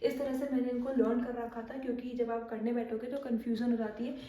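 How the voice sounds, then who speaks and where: A woman's voice: fairly high pitch, flat delivery, quick pace, warm tone. Woman teaching chemistry in an echoey room. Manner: explains step by step, asks questions and answers them herself. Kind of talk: whiteboard lesson. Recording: echoey room, far from the mic, faint noise.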